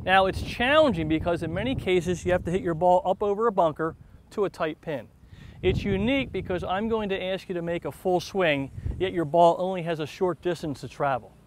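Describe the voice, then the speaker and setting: A man's voice: high voice, a little fast, noisy background. A man working as a golf commentator and instructor, speaking in an encouraging, praising manner. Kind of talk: golf commentary and short game lesson.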